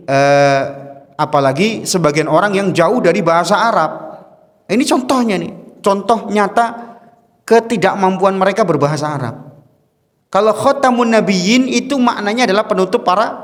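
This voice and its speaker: Chatty male religious teacher, reverberant hall. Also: fairly high pitch. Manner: chatty, asks the audience questions, chuckles often. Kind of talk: casual mosque study lecture.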